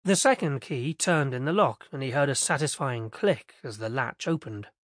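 In a clean, dry studio recording, a mid-range male voice reads an audiobook aloud. His storytelling stays even and measured throughout.

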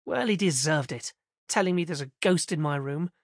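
A man reading an audiobook, voicing a sharp-tongued, sulky teenage girl who sounds scornful and whiny. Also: fairly high pitch, moderate pace, no echo, studio quality. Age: teen. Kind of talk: audiobook character voice.

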